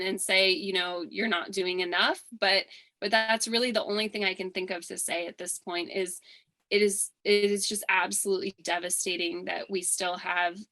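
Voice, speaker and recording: A woman from Hawaii answers a candidate forum's questions in an earnest, halting way, filling pauses and restarting her sentences. Her voice is bright and clear, and her pitch sits in the middle range. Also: low-quality recording. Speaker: political candidate.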